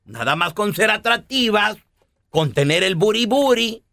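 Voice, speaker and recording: A man's voice: high-pitched, expressive, unhurried, creaky, pushed and bright, dry recording, studio quality. A man hosting a comedy podcast, lecturing in slangy, mock-preachy radio banter.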